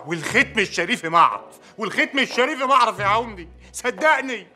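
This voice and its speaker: A man's voice: sits high, lively intonation, quick pace, sharp tone, soft background music, heavily acted. An actor with an Egyptian accent playing a frightened accused villager, begging and swearing his innocence. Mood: pleading. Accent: Egyptian Arabic.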